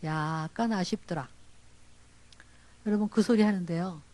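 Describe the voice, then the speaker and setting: A middle-aged woman pastor giving a storytelling sermon at a church service, animated and acting out the dialogue in her stories. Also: on the low side, measured pace, no echo.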